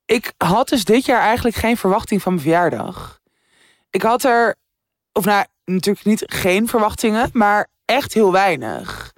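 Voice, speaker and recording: A woman's voice: mid-range voice, unhurried, no echo, studio quality. A woman in her thirties co-hosting a podcast, telling stories with slang and frequent laughter. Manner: giggly, slangy, lively storyteller. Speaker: podcast co-host. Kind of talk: casual chat.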